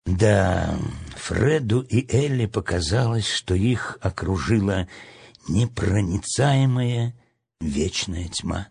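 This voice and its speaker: Husky, expressive male storybook narrator. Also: fairly low pitch, takes it slowly. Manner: expressive, dramatic reading.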